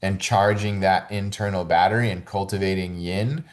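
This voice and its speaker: A man with a notably low, deep voice speaks as a guest on a conversational podcast. He rambles in a relaxed way, leaning on "like" and "you know", and his earnest tone climbs higher and livelier when something excites him. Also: normal speed. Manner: loose and rambling, full of "like" and "you know", with earnest spiritual talk. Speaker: holistic fitness coach, podcast guest. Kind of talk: casual conversational interview.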